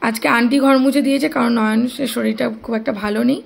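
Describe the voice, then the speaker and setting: A young mother of two with a Bengali accent chats casually with viewers in a home vlog. Her voice is fairly high, steady, fast and gravelly, and she sometimes drops to a soft tone so the baby stays asleep.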